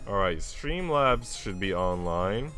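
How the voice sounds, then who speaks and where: This young live streamer's voice sits low and has a fairly bright quality, animated yet slow. He chats informally with viewers, full of slang, over background music.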